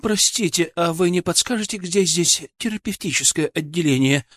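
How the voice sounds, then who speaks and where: A woman's voice: lowish voice, a little fast, no room sound, studio quality, pitched above the performer's own voice, lightly acted. A man doing a trembling, frightened wife in her fifties. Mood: anxious. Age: 50s. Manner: trembling, anxious pleading. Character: frightened middle-aged wife of a patient.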